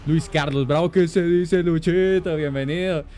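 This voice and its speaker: A man hosting a gaming livestream, greeting chat with lively, slangy, playful banter. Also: a little high, moderate pace, slight background noise. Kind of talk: casual live-stream chat greeting viewers.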